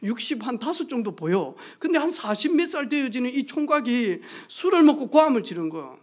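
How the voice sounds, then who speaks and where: A pastor preaching a sermon, telling stories with acted-out quotes and hushed asides. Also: medium pitch, big pitch swings, a little fast. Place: church sanctuary.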